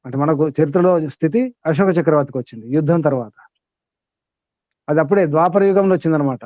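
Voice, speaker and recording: Male teacher, upper-middle pitch, emphatic rhetorical style, dry dull recording. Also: a little mellow, no room sound. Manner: asks many rhetorical questions, emphatic. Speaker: spiritual teacher. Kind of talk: discourse with questions to students.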